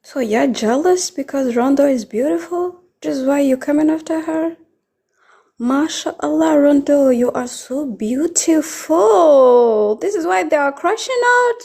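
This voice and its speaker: A woman's voice: sits high, animated, a little slow, gravelly, a little mellow. A woman on a live-stream debate panel, mocking and taunting her opponents. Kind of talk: heated live-stream argument.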